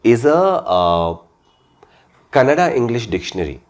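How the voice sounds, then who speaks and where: A man's voice: medium pitch, sing-song, measured pace. A man with an Indian accent hosting a casual interview, chatting with his guests and putting questions to them. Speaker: podcast host.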